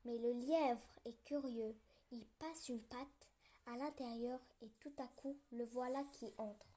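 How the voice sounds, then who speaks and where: A woman reading a children's story aloud, gentle and playful with snoring sound effects. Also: fairly high pitch, takes it slowly.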